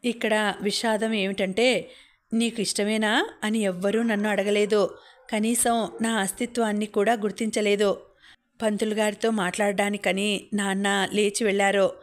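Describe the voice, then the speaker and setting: A woman narrating a novel in the first person as an audiobook reader, with steady, measured storytelling. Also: mid-range voice.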